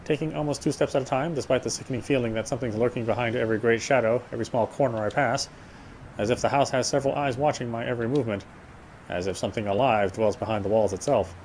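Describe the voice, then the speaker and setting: The poor-quality recording, with clear background noise, captures a man reading a horror visual novel aloud as a playthrough host. His mid-range voice is fairly even in intonation, quick, and somewhat dark, and his dramatic, brooding narration occasionally stumbles over words.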